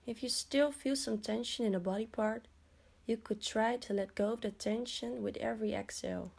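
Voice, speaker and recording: A woman guiding a progressive muscle relaxation exercise in a slow, soothing, instructional way. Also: fairly high pitch, vocal fry, darkish tone, husky. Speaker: relaxation guide.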